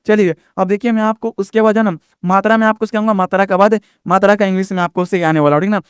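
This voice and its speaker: A man's voice: high voice, clean tone, no room sound, studio quality. A man teaching viewers a lesson, often checking in with the class and stretching out vowel sounds to show pronunciation. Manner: repetitive, checks in with "ठीक ना" often. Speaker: online tutor.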